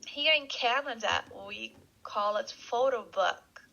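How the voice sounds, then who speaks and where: A woman teaching an English vocabulary lesson, speaking slowly and repeating words for learners to echo. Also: a little high, pushed and bright. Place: Canada. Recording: dull lo-fi recording.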